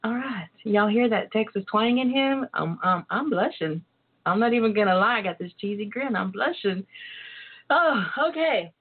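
A woman hosting a radio talk show in a flirty, casual way, coquettishly drawing out words for emphasis. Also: on the high side. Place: internet call-in radio show over a phone line. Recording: tinny phone-line radio sound.

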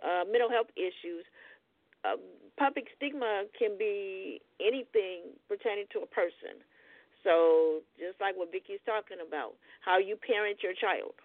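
A woman's voice: mid-range voice, unhurried, dry recording, phone-quality sound. A woman hosting a radio talk show, reading definitions aloud and then explaining them in casual words. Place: radio studio.

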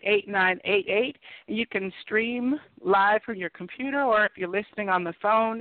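A woman hosting a call-in psychic talk show in a chatty, upbeat way. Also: medium pitch. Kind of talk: casual radio-show hosting. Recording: dry, tinny phone line.

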